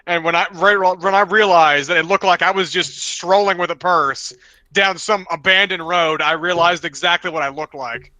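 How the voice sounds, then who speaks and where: A man's voice: high voice, normal speed, sharp tone. A man co-hosting a podcast, telling a long rambling story in casual chat and often restarting his sentences. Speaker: podcast co-host.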